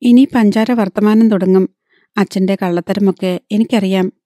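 A woman voicing a sad, patient young woman pleading gently with her father in an audiobook. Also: medium pitch, steady tone, moderate pace, dry recording, clean studio sound, lightly acted.

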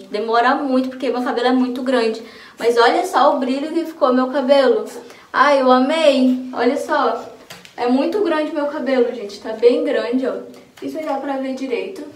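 A Brazilian woman with a Brazilian accent, chatting enthusiastically in a casual beauty vlog from her home. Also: high-pitched. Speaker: vlogger. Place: home, bathroom then by a window. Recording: echoey room with faint noise.

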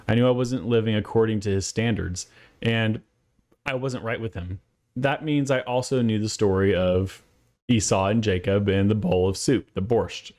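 A man with a lowish, darkish voice tells his viewers a personal faith story, earnest and conversational, now and then acting out his own reactions in asides. There's a little hiss or hum.

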